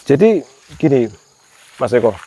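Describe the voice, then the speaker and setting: A man hosts an on-location night exploration vlog in a mid-pitched voice. He talks casually and explains as he goes, often turning to his companion for confirmation. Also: very animated, unhurried, dark tone. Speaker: host of a mystery exploration vlog. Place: outdoors at night by a ruined empty village house.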